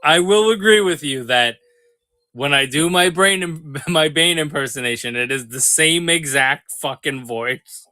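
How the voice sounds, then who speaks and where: A man's voice: a little high, a little slow, bright, forceful tone. A man hosting a live toy sale stream, chatting casually with viewers, joking and laughing often.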